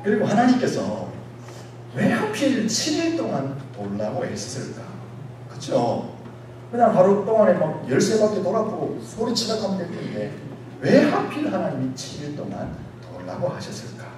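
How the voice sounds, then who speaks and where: A man preaching a sermon as pastor, dropping to quiet asides and rising to loud exhortation. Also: high-pitched, wildly swooping pitch, moderate pace. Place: church sanctuary. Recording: echoey church hall, distant mic, audible noise.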